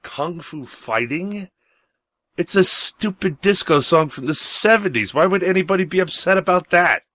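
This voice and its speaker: A man's voice: sits high, brisk, bright, forceful tone, no room sound. A man hosting a talk radio show, chatting casually and reading news items in a blunt, grumpy, sarcastic way.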